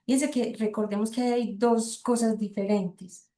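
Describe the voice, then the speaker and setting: A woman's voice: on the high side, steady tone, measured pace, mellow, roomy sound. A middle-aged woman with a Colombian Spanish accent giving an academic lecture, reading passages aloud and thinking aloud with frequent hesitations and rhetorical asides to her listeners.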